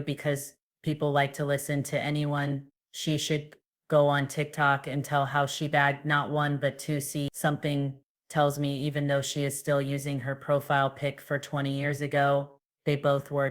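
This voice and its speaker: A woman giving casual, sarcastic gossip commentary and reading news quotes aloud. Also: very deep voice. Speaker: commentary vlogger.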